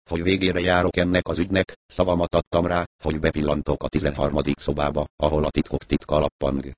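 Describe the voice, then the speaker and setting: A man voicing a composed, courteous male detective who speaks in measured, formal sentences. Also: low voice, close to an everyday voice. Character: composed male amateur detective, deliberate and polite.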